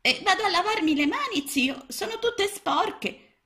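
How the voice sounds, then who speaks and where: A tiny, timid boy frog from a storybook, squeaking high and plaintive, as a woman narrator puts him on. He is fussy about staying clean, and his small voice swoops and lilts all over the place. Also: expressive, a little slow, bright, forceful tone, exaggerated voice. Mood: timid pleading.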